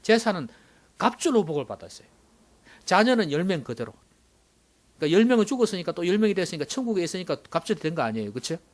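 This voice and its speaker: A male pastor delivers a sermon with a fairly high, very animated voice. He rises to loud, urgent exclamations and then drops suddenly into hushed whispers for effect. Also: fast talker.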